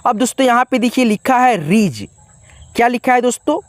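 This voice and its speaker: A man's voice: very high voice, lively intonation, a little fast, no echo. A man teaching a spelling lesson in a patient, repetitive way, asking questions and answering them himself and calling his viewers friends. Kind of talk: classroom-style spelling lesson.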